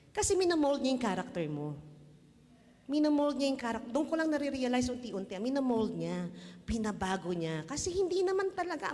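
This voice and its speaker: A woman with a Filipino accent tells her faith testimony in a loose, chatty way, laughing often and checking in with her listeners. Her voice sits a little high and swings widely up and down. A long reverb trails behind her words. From Philippines. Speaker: church testimony speaker.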